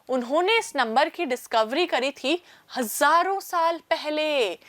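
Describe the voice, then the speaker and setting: A woman with a high-pitched, fairly bright voice gives an online maths lesson with no echo. Going step by step, she addresses the "children" and supplies the answers to her own questions.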